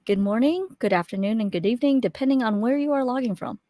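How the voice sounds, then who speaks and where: A woman's voice: a little high, quick pace, warm tone, no echo, studio quality. Chatty woman hosting a live webinar. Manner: chatty, friendly, filler-heavy with frequent restarts. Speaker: webinar host. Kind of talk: casual live webinar welcome. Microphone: USB desk microphone.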